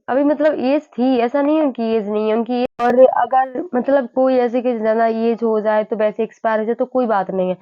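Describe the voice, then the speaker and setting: Weary young woman, halting, dull lo-fi sound. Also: a little high, no echo. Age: early 20s. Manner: halting, repeats herself, many fillers. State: weary and low. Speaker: vlogger. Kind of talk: emotional personal vlog.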